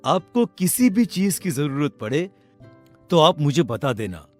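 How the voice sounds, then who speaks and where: A polite, lovestruck young heir acted by a man in a story drama, speaking very slowly and gently. The voice is fairly high for a male, with music playing behind. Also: big pitch swings. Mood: courteous. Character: polite, smitten young landlord's son. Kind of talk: dramatized Hindi story acting.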